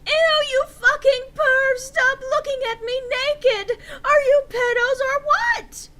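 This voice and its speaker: A woman's voice: very high voice, slow pace, bright, forceful tone, pitched above the performer's own voice, exaggerated voice. Woman playing a shrieking, angsty teenage goth vampire girl. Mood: shrieking outrage. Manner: shrieking, overwrought delivery.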